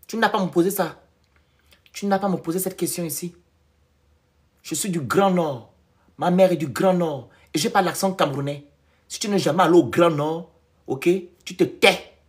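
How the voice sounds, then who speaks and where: A man hosting a live stream of political commentary, who speaks emphatically and repeats phrases in loud bursts. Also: on the high side.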